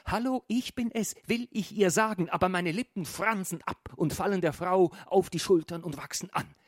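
A man reading a surreal story aloud, swinging from a hushed murmur to a raised, urgent voice and often stumbling over his words. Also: high voice, normal speed, no echo, clean studio sound. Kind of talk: literary reading.

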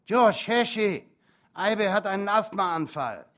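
A man's voice: high-pitched, lively intonation, takes it slowly, fairly bright tone, voice pushed up, exaggerated voice. A man voicing a worried, bossy mother in an audiobook, raised and commanding. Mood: urgent. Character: worried shrill mother, middle-aged woman.

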